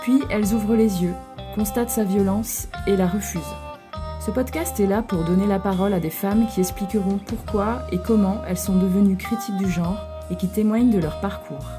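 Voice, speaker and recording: A woman host reading a scripted podcast introduction in a measured, declamatory way. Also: medium pitch. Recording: read over guitar music.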